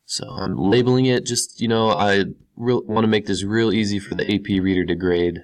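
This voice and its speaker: A man's voice: on the low side, steady tone, normal speed. A male teacher talking casually through each step of a screen-recorded tutorial, repeating key words for emphasis. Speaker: computer science teacher.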